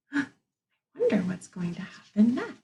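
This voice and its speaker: Expressive and measured, a female teacher reads a picture book to young children, breaking off to muse aloud. Her pitch is a little high, and the recording has an echoey room sound.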